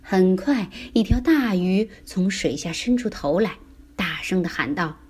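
A woman reading a children's picture book aloud in a slow, expressive storytelling manner. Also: lowish voice, husky.

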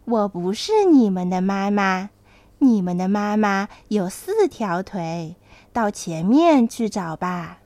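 A woman voicing a friendly big goldfish in a children's story, in a slightly lowered, smiling voice. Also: animated, slow, darkish tone, no echo.

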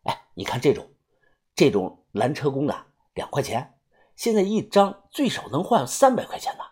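A woman's voice: low voice, big pitch swings, normal speed, darkish tone, breathy edge, heavily acted. A woman voicing a blunt, knowing young man in an audiobook, talking in a scolding way. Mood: excited. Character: gruff young male narrator, blunt and knowing. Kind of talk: audiobook character voice.

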